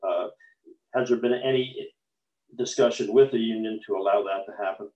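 A city councillor speaks on a council video call in a lowish, darkish voice at a normal pace. He asks questions full of fillers and restarts, and the call sounds echoey, distant and lo-fi.

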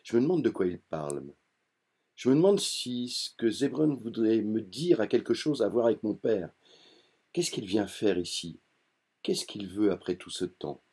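A man reading a literary novel aloud in a measured, inward first-person narration. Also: lowish voice, lively intonation, darkish tone, breathy edge. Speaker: audiobook reader.

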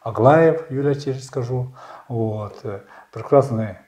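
Man in his 60s telling his life story in an interview, lots of ums, mellow tone, echoey room. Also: mid-range voice. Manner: measured, storytelling, frequent hesitations. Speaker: election candidate. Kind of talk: interview answers. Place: small bright studio.

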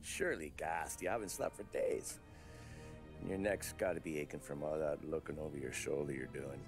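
Style: a gruff 1930s detective, very deep voice. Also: male voice, fairly even intonation, normal speed, music in the background. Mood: wry, needling. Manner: needling, tough-talking street slang. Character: gruff 1930s male police detective interrogating. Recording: game audio with loud score.

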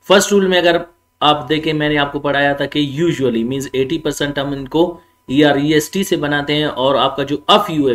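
A male grammar teacher giving a classroom lecture, mixing explanation with slow, spelled-out English examples and answering his own rhetorical questions. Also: on the high side, a bit bright. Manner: asks himself rhetorical questions and then answers them.

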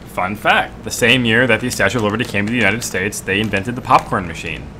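A young man co-hosting a casual snack-tasting chat, animated and sarcastic in his ribbing. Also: fairly low pitch, quick pace. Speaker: co-host. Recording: noisy home stream recording.

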